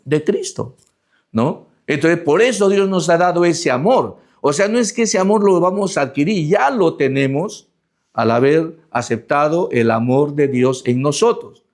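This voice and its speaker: A middle-aged male pastor preaching a sermon in a conversational way, often tagging questions onto his sentences and slowing down to stress the scripture he reads. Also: on the high side, expressive. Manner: conversational preaching, constant "¿no?" tags, slowed emphatic scripture reading.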